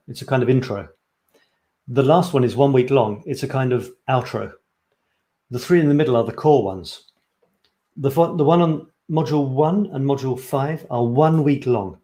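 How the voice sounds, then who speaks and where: A man's voice: medium pitch, dark tone, echoey room. A man from Scotland, a photography coach, presenting his course on a live stream in an eager, chatty way, often correcting himself mid-sentence. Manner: enthusiastic, chatty, self-correcting.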